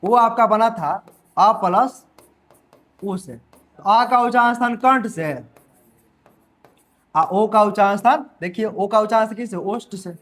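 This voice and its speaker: A man's voice: sits high, measured pace, long pauses, fairly bright tone. A man teaching a grammar lesson, repeatedly asking questions and answering them himself, sounding out letters aloud as examples. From India. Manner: repetitive call-and-answer questioning. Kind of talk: classroom lesson.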